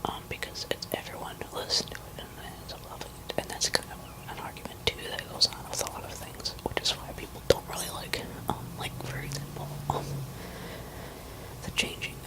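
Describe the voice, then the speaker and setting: A woman rambling hesitantly in a barely audible, unvoiced ASMR whisper, pausing mid-thought. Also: rough recording. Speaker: musician talking to listeners.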